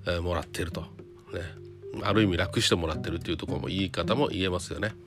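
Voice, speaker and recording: A man's voice: sits low, fast. A man giving a casual solo monologue to viewers, chatty and full of rhetorical questions and little tag fillers. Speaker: trader talking to viewers. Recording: guitar music under the voice.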